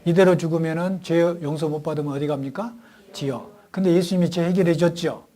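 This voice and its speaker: A man preaching a sermon, firing call-and-response questions at the congregation and telling stories animatedly, swinging between loud and hushed. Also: on the high side, steady tone, brisk. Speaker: pastor. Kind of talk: sermon at a Bible lecture.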